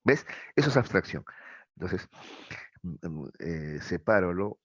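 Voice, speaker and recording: A man's voice: sits low, expressive, measured pace, no room sound, dull audio. A male teacher giving a classroom lecture, checking in with his students again and again and acting out little imagined exchanges with them. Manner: questioning, repeats "¿ya?" often; acts out imagined student dialogues.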